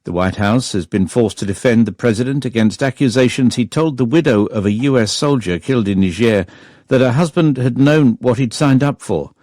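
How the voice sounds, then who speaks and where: A man reading a news bulletin in a measured, formal delivery. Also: mid-range voice, darkish tone, dry recording, clean studio sound. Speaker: newsreader. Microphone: studio microphone.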